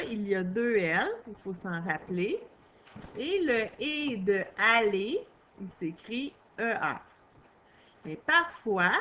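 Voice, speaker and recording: Slow, patient woman teaching spelling. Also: medium pitch, a bit bright, slight background noise. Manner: slow, patient, addresses the child directly. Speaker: schoolteacher. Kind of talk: recorded spelling lesson for a young pupil.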